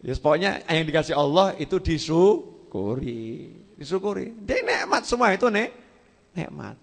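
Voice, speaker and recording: A man with a Javanese accent preaching a sermon in a lively, joking way, often acting out other people's voices. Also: a little high, normal speed, creaky, big-room sound.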